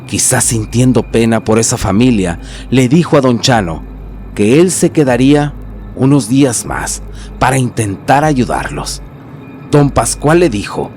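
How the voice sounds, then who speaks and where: A man's voice: mid-range voice, darkish tone. Dramatic male horror narrator. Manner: dramatic storytelling. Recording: narration with faint music bed.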